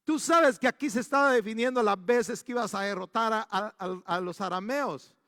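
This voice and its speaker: A man voicing a stern old male prophet who gives loud commands, in a long-reverberating church hall. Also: high-pitched, normal speed, studio quality. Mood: angry.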